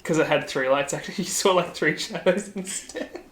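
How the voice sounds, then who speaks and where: Another Australian podcast co-host, he talks sports in a loose, rambling way with a fairly bright, slightly high voice and a fairly quick pace. Laughter comes often, and "like" keeps cropping up.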